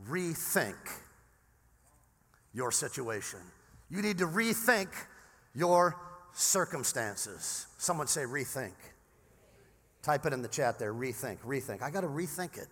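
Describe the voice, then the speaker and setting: A man preaching a sermon as pastor, animated, swinging between loud emphasis and near-whispers. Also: high voice, in a large hall.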